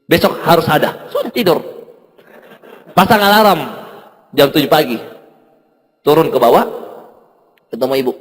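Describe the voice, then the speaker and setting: A man telling a motivational story to a seminar audience, animated, laughing often and acting out the dialogue. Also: a little high, moderate pace, long pauses. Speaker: guest speaker at a business seminar. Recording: long reverb from a hall.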